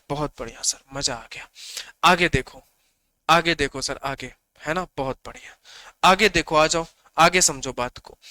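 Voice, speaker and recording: Bright-voiced man teaching a reasoning class. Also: high voice, clear, resonant tone, dry recording. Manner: repetitive, asks and answers his own questions; coaxing. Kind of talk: exam-prep lesson.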